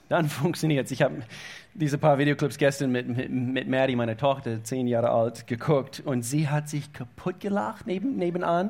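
Halting, higher-voiced male preacher. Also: creaky. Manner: halting with repeated words, swings between hushed and loud. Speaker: pastor. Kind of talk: sermon.

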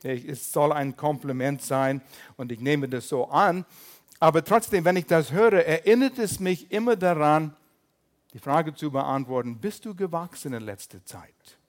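An older male pastor delivering a sermon in a slightly high voice. He talks in a lively, joking way, with small slips in his grammar. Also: unhurried.

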